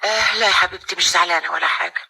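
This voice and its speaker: A soft-spoken, affectionate Egyptian lady, unwell, in an old hiss-filled film. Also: on the low side, steady tone, racing, gravelly, heavily acted. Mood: tender. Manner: tender, affectionate. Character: gentle ailing lady of the house.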